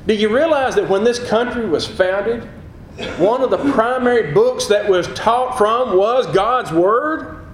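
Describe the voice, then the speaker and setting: A man's voice: high-pitched, measured pace, roomy sound, a little hiss or hum, low-quality recording. A middle-aged man preaching a sermon, rising in emphasis on key phrases. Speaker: pastor.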